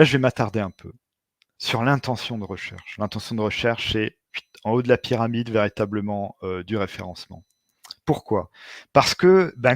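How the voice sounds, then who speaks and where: A man's voice: mid-range voice, dry recording, clean studio sound. A man presenting a webinar as an expert, explaining informally and hesitantly, with frequent filler sounds and restarts.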